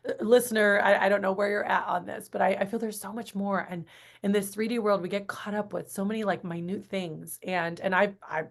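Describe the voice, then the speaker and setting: A woman's voice: mid-range voice, steady tone, fairly quick, creaky. A woman in her forties, a guest on a podcast, talking casually with many restarts and acted-out quotes. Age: 40s. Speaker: guest, entrepreneur and coach. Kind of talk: casual podcast interview talk.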